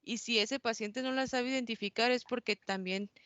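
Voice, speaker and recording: A woman's voice: a little high, normal speed, a bit bright, dry recording. A young woman giving a class presentation as a student, hesitant, with many fillers and self-corrections. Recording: dull, dry close recording.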